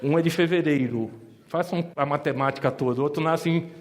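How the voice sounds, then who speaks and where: This man talks briskly at a fairly high pitch. A middle-aged insurance advisor from São Paulo, Brazil, with a Mooca accent shaped by Italian, he tells an audience about his family and drops jokes along the way.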